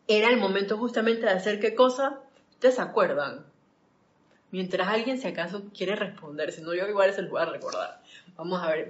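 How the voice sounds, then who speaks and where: A woman's voice: lowish voice, highs cut off. A woman leading a live-streamed spiritual study class, chatting with viewers and wandering into anecdotes. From Panama. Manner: chatty, warm greetings to viewers, digressive anecdotes. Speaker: spiritual study group leader.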